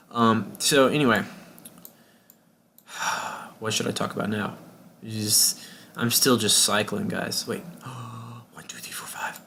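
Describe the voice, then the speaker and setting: A man's voice: mid-range voice, a little hiss or hum. Young man rambling over gameplay. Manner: rambling, chatty, with sudden excited outbursts and whispers. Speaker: gaming YouTuber. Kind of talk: casual gameplay commentary.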